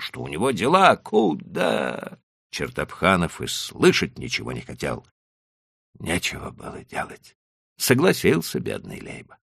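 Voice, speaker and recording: A man narrating a classic short story for an audiobook in an expressive storytelling manner. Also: low-pitched, gravelly, husky, no echo, clean studio sound. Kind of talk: scripted narration.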